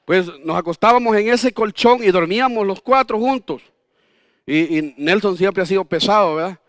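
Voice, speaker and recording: A pastor in his fifties with a notably high voice delivers a sermon, swinging between homely anecdotes, little jokes and rhetorical questions to the congregation. The recording is dry and close, with almost no room sound. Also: normal speed, a bit bright, no echo. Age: 50s.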